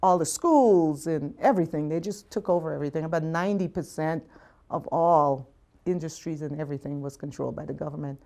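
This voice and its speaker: A woman from Guyana, giving measured interview testimony. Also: deep voice, dark tone.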